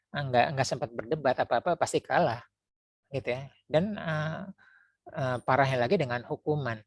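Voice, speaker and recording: A man giving a spoken lecture as an NLP trainer, explaining slowly, with many fillers and restarts. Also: mid-range voice, no room sound. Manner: explanatory, acts out parents' voices.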